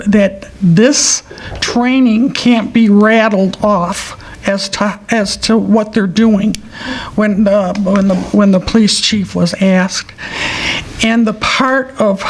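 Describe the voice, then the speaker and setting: A woman delivers an earnest podium speech during public comment. Her wording is plain and halting, in a medium-pitched voice. Faint room noise sits behind her. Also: rough recording. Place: council meeting room.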